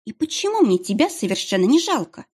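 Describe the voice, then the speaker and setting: Mocking young woman, played by a husky-voiced female reader, lots of up-and-down, sarcastic. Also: sits high, very animated, quick pace, darkish tone, pitched above the performer's own voice, exaggerated voice. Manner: sarcastic, biting retorts.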